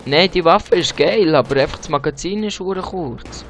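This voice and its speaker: Young Swiss German man, fairly high voice, excitable co-op gamer; faint gunfire behind. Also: normal speed. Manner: swearing, laughing, excitable. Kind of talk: casual co-op gameplay chat. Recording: faint game noise behind.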